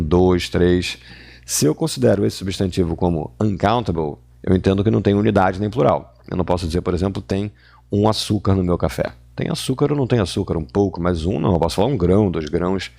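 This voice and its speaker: A man teaching English grammar to Portuguese speakers, walking through exercises and slowing down to model English words. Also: sits low, creaky, a little mellow, husky. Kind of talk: grammar lesson explaining exercises.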